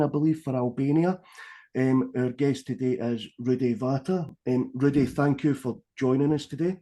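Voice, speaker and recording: A man's voice: medium pitch, dark tone. A man hosting an interview show, introducing a guest and asking questions hesitantly with many fillers. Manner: hesitant, many ums and you-knows. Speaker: podcast host.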